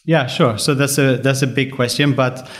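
A man in his forties, from Sweden, answering interview questions in a measured way, with many pauses and fillers. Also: medium pitch, steady tone. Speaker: guest fund manager.

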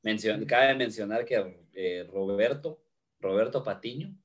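A man's voice: fairly low pitch, a little slow. A man from Guatemala, co-hosting a podcast in joking, crude casual chat. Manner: joking, crude, swears freely. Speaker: podcast co-host.

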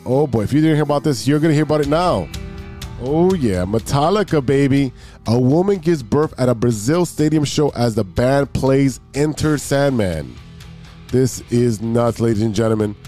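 With faint music in the background, a man hosts an easygoing sports and news podcast, his voice nasal and congested from allergies. He's animated, warm in tone, and medium in pitch at a moderate pace, rambling and cracking jokes with frequent restarts.

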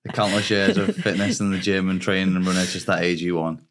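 A man co-hosting a podcast in relaxed, everyday conversation. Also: low-pitched, quick pace. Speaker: podcast host. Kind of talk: casual chat.

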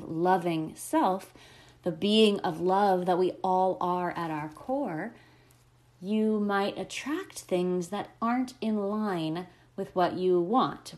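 A woman's voice: lowish voice, darkish tone. Woman hosting a spiritual wellness podcast. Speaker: podcast host and holistic chakra coach.

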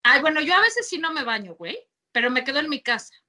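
Bright, slangy Mexican woman. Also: high-pitched, fast. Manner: slangy, animated storyteller, laughs often. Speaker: podcast co-host. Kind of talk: casual chat.

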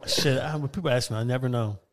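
Casting: male podcaster, rapid casual delivery, mid-pitched, slangy and profane. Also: a loud crowd.

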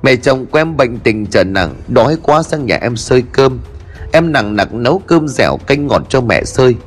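A man's voice: medium pitch, lively intonation, moderate pace, faint music behind, close to an everyday voice. A man voicing a scheming young woman who shrieks abuse and then wails falsely, in a narrated ghost story. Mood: wailing. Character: scheming shrill young woman, daughter-in-law.

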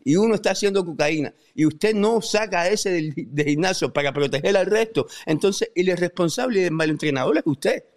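Male host, insistent debater, slightly high voice, keeps repeating himself. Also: expressive, a little fast, few pauses. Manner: insistent, repeats phrases, formal "usted". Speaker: podcast host. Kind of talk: heated debate.

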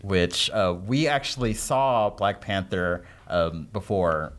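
A man's voice: low voice, animated, takes it slowly, a bit bright. A man hosting a podcast, introducing the episode and guest in a loose way with many fillers. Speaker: podcast host.

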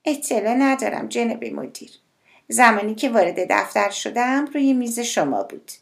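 A woman's voice: fairly high pitch, expressive, gravelly, voice pushed up. A woman voicing a deferential female office secretary, polite and a little hurt.

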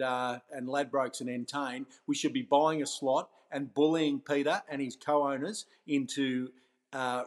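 An Australian man co-hosting a podcast, chatting in a wordy, teasing way. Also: medium pitch. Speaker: podcast co-host. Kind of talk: bantering podcast chat.

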